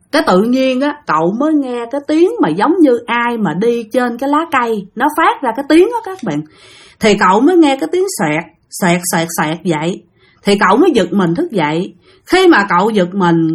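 A woman narrating a ghost story in a chatty way, speaking directly to her listeners. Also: on the high side.

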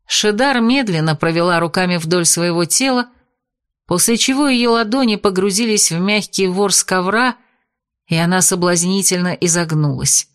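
A woman reading fiction aloud in a lively, dramatic narrating manner. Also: lowish voice, moderate pace. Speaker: audiobook narrator.

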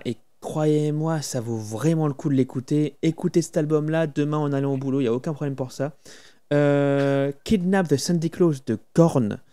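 A man co-hosts a relaxed podcast about film scores, speaking in a somewhat high yet dark, mellow tone. He talks with eager enthusiasm and breaks into humming melodies. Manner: enthusiastic, recommends music, hums tunes. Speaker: podcast co-host. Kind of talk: casual film music podcast chat.

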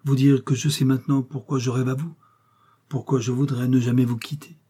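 Guy doing a soft pleading young chevalier, mellow husky voice, audiobook. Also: flat delivery, brisk, close to an everyday voice. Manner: pleading, softer and lower. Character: young lovesick male chevalier, earnest and pleading. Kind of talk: audiobook reading.

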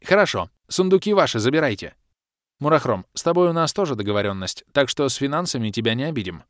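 A man voicing a commanding, sharp-tongued baroness in an audiobook. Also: mid-range voice, sing-song, no echo, clean studio sound, voice pushed up. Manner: brisk and imperious. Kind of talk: audiobook character voice.

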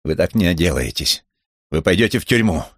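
A man's voice: expressive, brisk, fairly bright tone, no echo, studio quality, heavily acted. A man voicing a panicking, asthmatic male TV presenter who gasps out frantic threats in an audiobook. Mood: threatening. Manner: shrill, frantic, breathless threats. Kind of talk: audiobook character voice.

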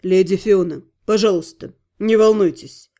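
A woman reading an audiobook voices a young nobleman count who speaks low, soft and pleading. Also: fairly even intonation, normal speed, clean tone, lightly acted. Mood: entreating. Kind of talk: audiobook character voice.

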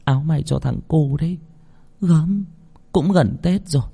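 A man voicing a poor village mother who is fretful and shrill, in a spoken horror story. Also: unhurried, creaky, warm tone, husky, heavily acted. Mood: fond.

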